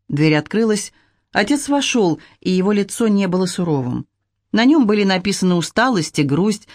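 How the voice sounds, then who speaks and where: Brief: audiobook narrator, middle-pitched, steady measured reading, dry close sound. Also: no echo.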